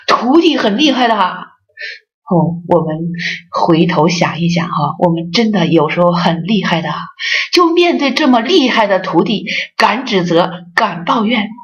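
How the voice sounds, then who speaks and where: Speaking at medium pitch, this middle-aged association president delivers a Buddhist dharma talk full of stories. She acts out the voices of those she quotes and talks straight to her audience, captured on a dull, lo-fi recording.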